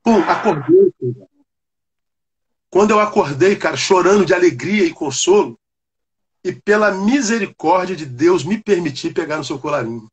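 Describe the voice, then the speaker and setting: A man, a Baptist pastor, telling a personal testimony in an animated, conversational way. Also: high voice, moderate pace, husky, lo-fi sound. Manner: animated storyteller, calls the listener "cara". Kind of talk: personal testimony on a live chat.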